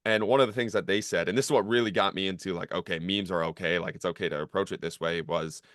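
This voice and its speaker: A young man hosting a podcast, talking casually in a rambling way full of fillers and swearing, and getting animated as he goes. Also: low-pitched, fast talker, dry recording, studio quality. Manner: rambling, filler-heavy, profane, gets animated. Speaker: podcast host, former college strength coach.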